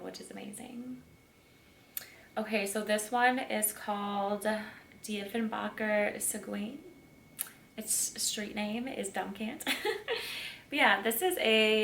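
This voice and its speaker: A woman's voice: mid-range voice, fairly bright tone. A woman chatting casually through a home tour, gushing and leaning on fillers. She sounds a little distant from the camera mic, in a roomy space with faint ambient noise behind her. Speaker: plant vlogger. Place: room in her home, indoors. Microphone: camera mic across the room.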